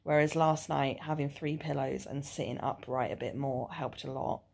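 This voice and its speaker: Worn out and nauseous after dental surgery, a woman in her twenties speaks wearily to her video diary through a sore jaw, at home in a small living room or bedroom. Her very deep voice is steady, creaky, a little mellow, and moderately paced.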